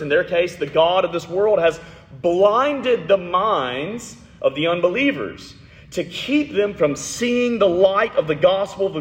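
A man preaching in a church, his fairly high voice carried at a slow, deliberate pace. He leans into key words, then drops softly for emphasis. The room is roomy, with a long reverb trailing each phrase. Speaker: pastor. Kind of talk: sermon. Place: church sanctuary.

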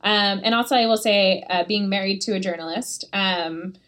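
A woman's voice: mid-range voice, moderate pace, a bit bright. A woman co-hosting a podcast in casual, chatty conversation, with lots of likes and ums. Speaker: podcast co-host, PR agency.

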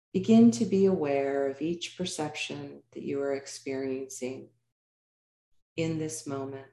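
Speaking in a low register, a woman teaching yoga nidra leads a guided meditation with calm, unhurried, measured phrasing and frequent pauses, and the recording has a roomy sound.

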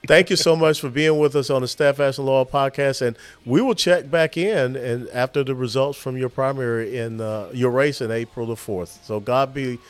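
A man's voice: medium pitch, moderate pace, few pauses, clear, resonant tone. A man with a Southern accent hosting a podcast interview, speaking earnestly and formally. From United States. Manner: earnest, praising, formal sign-offs. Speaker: podcast host.

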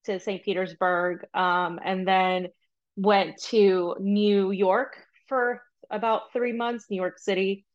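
Medium in pitch and steady in tone, this young woman's voice comes through with the highs cut off. She's a Peruvian-born podcast guest who grew up in Florida, rambling casually through the interview with many ums and brief asides.

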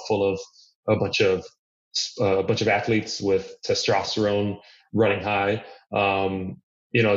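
A man from Miami, a podcast guest, talking earnestly and reflectively, thinking aloud with frequent restarts. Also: lowish voice. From Miami, United States. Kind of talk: reflective conversational interview. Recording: echoey room, dull lo-fi sound.

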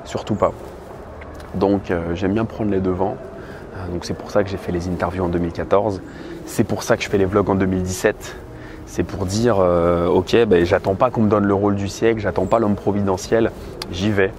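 A man in his thirties with a fairly low voice speaks candidly and bluntly, vlogging into a handheld camera outdoors. Clear traffic and street noise run under every word. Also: steady tone, normal speed. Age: 30s. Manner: candid, blunt, filler-heavy. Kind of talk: casual vlog monologue. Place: outdoors on a busy city street. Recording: noisy outdoor street recording. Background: traffic and street ambience.

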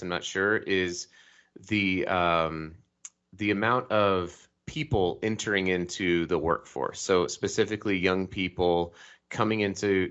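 A man's voice: low-pitched, a bit bright, lo-fi sound. A man from Colorado hosting a podcast interview, upbeat and rambling, with many self-corrections. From Colorado, United States. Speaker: podcast host. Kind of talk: casual interview talk over a call.

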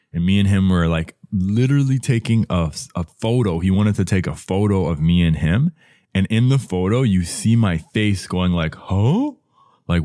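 A man vlogging about his own experience in casual speech, lively and animated, acting out what he said and thought. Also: sits low, clean tone, dry recording, clean studio sound. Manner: animated, acts out quotes of himself. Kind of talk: casual storytelling to camera.

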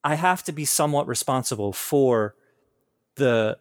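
A man's voice: mid-range voice, lively intonation, moderate pace, no room sound, clean studio sound. A man hosting an interview podcast, talking in a hesitant, searching way full of restarts. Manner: hesitant, many restarts and fillers. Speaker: podcast host. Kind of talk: casual interview conversation.

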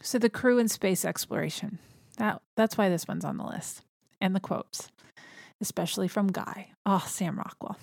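A woman's voice: mid-range voice, normal speed, vocal fry, a little mellow, no room sound, clean studio sound. A woman hosting a podcast in an enthusiastic, chatty way. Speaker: podcast host. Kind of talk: casual chat.

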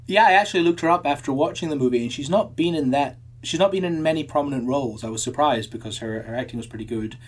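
A man's voice: a little high, fast talker, few pauses. A man co-hosting a podcast in casual chat, thinking aloud with frequent restarts and repeated words. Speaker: podcast co-host.

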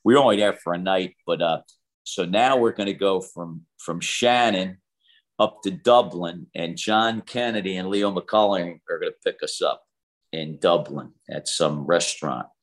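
A man's voice: low voice, normal speed. A middle-aged man, a basketball shooting coach, telling long stories in a casual interview, rambling with many fillers and restarts. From United States.

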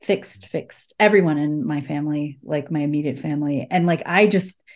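A woman's voice: deep voice, darkish tone. A woman hosting a casual podcast conversation, searching for words with lots of "like" and asking open, curious questions. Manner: searching, halting, full of "like". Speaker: podcast host.

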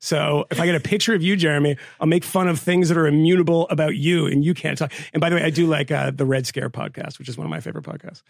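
A man hosting a podcast in casual, joking, talkative banter, with vocal fry in his voice. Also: a little high, steady tone, fast talker, hardly any pauses, dry recording, studio quality. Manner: talkative, joking, self-mocking. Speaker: podcast host.

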